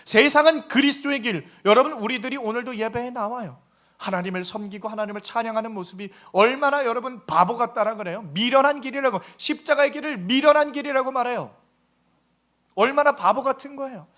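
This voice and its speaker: A man's voice: very high-pitched, pushed and bright. A man preaching a Sunday sermon as pastor, emphatic and throwing rhetorical questions at the congregation.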